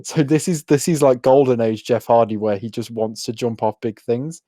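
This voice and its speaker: A man's voice: medium pitch, moderate pace, warm tone, no room sound, studio quality. A man co-hosting a podcast, chatting casually with enthusiasm and frequent laughter. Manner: enthusiastic, laughs often, jokes. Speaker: podcast co-host. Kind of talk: casual recap chat.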